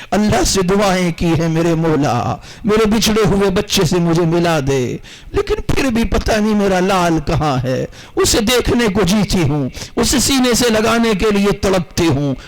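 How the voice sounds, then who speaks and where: A man's voice: sits high, rough recording. A man preaching, voicing a frail, blind old mother who speaks in a tender, pleading way.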